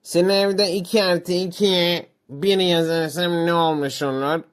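A man's voice: high voice, steady tone, a little slow, smooth. A man performing a playful improvised comedy skit, questioning in a domineering way. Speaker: streamer doing impressions in a comedy skit.

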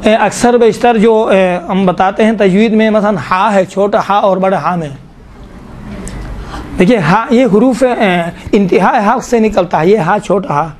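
Male teacher with a high voice leading a class in Quran recitation rules, patient and questioning. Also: a little hiss or hum. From Pakistan. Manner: explains slowly, asks the class questions, draws out sounds. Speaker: tajweed teacher.

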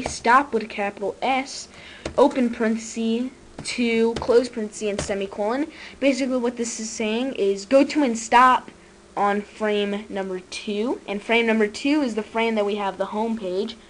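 A woman presenting a step-by-step software tutorial, dictating code piece by piece as she types. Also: a little high, moderate pace. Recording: noisy screen recording with keyboard typing. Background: clear noise, keyboard typing.

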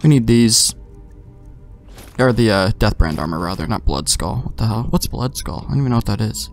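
With faint game music in the background, this let's play host rambles casually through his gameplay, thinking aloud and swearing mildly now and then. His voice is gravelly, fairly low-pitched, and expressive, and he speaks at a moderate pace.

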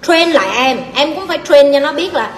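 A high-pitched woman with a Southern Vietnamese accent delivers blunt, scolding advice to her audience, talking straight at them with no softening. Her voice rings out in an echoey hall with a long tail, and a faint hiss of background noise sits underneath. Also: animated, brisk. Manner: blunt, forceful, scolding lecture with coarse address. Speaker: life coach answering audience questions. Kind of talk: livestream Q&A advice talk.

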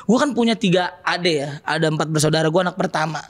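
Young guy from doing standup on a podcast, lively, yells his punchlines. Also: fairly high pitch, quick pace. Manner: animated storytelling with shouted punchlines. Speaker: comedian guest. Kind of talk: stand-up comedy bit. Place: podcast studio.

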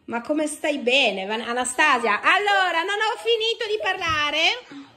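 A woman's voice: high-pitched, unhurried, sharp tone. A woman hosting a family vlog who talks to her children, coaxing and affectionate but firm when she scolds. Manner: firm, scolding parental tone at times. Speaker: mother and vlog host. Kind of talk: casual family vlog talk. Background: background music.

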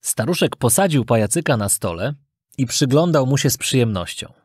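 A storyteller reading a children's fairy tale aloud in an expressive, scripted way. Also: medium pitch, moderate pace, husky, no echo, studio quality. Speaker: narrator.

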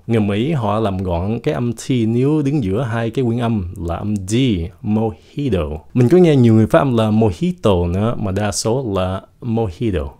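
A man whose first language is Vietnamese, teaching English pronunciation in a casual video lesson, slowly and deliberately demonstrating each word. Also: lowish voice, dark tone. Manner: slow, deliberate demonstration of words.

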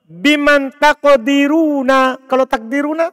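A man's voice: very high voice, slow, a bit bright, dry recording, clean studio sound. A man teaching an Arabic grammar reading class, quizzing students by name and explaining patiently. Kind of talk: classroom text-reading lesson. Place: mosque study circle.

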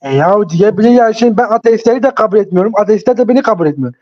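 Muffled, lo-fi call audio carries a man taking part in a live debate. His voice is relaxed and dark in tone. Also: sits high, very fast. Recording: dull, lo-fi online call audio.

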